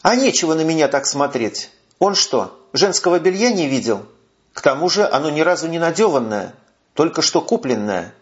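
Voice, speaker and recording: A man's voice: fairly high pitch, sing-song, normal speed, pitched above the performer's own voice. Man putting on a scornful young brunette. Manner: mocking, cutting. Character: sharp-tongued young brunette woman, scornful. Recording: muffled lo-fi audio.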